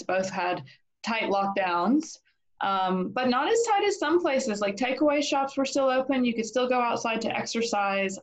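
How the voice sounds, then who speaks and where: A young woman, casually hosting an interview over a video call from home. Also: mid-range voice. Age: young adult. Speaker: interviewer, host.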